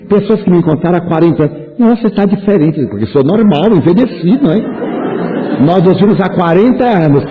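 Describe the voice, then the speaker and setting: A man in his seventies with a Brazilian Portuguese accent lectures an audience, turning points into playful stories and acted-out exchanges. His voice sits a bit high and swings widely in pitch. The sound is narrow and tinny, like a telephone line. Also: a little fast. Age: 70s. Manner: animated, humorous storyteller acting out dialogues. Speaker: spiritist lecturer.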